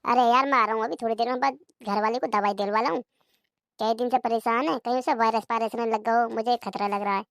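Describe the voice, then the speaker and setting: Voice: medium pitch, steady tone, quick pace, a bit bright, smooth, dry recording, clean studio sound, lightly acted. A performer voicing a middle-aged village drunk man who grumbles and curses. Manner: grumbling, curses a lot in dialect. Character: rough-talking village drunk man, middle-aged, always craving liquor.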